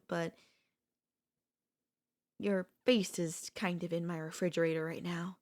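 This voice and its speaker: A woman with a fairly low pitch takes on the role of an obsessive yandere sister-in-law for an ASMR roleplay, coolly amused throughout. Her delivery is sweetly threatening, chatty and coaxing, and calmly unrepentant.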